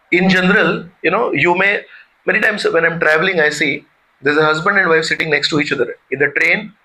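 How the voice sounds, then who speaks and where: A man's voice: fairly high pitch, sharp tone, poor audio. A man giving a conversational devotional talk, often putting questions to his listeners. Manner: conversational, asks the audience questions. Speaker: spiritual teacher.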